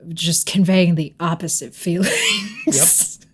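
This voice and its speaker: A woman co-hosting a podcast in relaxed, easygoing chat. Her voice sits a little low and she often breaks into laughter. She fills her pauses with ums. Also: slight background noise. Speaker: podcast co-host. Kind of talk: casual chat.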